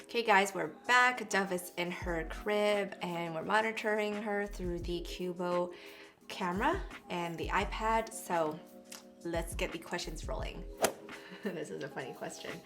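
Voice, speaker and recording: A woman's voice: lowish voice, unhurried, music in the background. Giggly young woman reading viewer questions. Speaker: vlog host. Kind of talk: casual chat.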